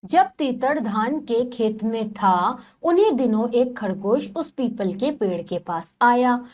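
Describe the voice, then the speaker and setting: A woman's voice: a little high, expressive, takes it slowly, a little mellow. A woman teacher reading a story aloud to children, retelling each passage and asking them questions.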